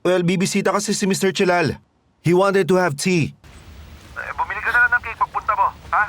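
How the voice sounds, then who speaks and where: A smug, bossy husband. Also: male voice, high voice, fairly quick, bright, forceful tone, a little hiss or hum. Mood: patronizing. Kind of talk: Tagalog drama dub.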